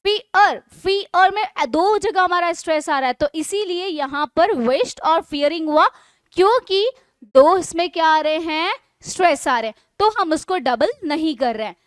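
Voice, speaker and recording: A woman teacher explaining English spelling rules in an online class, asking questions and answering them herself, and reading the rules out slowly. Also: extremely high pitch, no room sound. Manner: explains in Hindi mixed with English, asks and answers own questions.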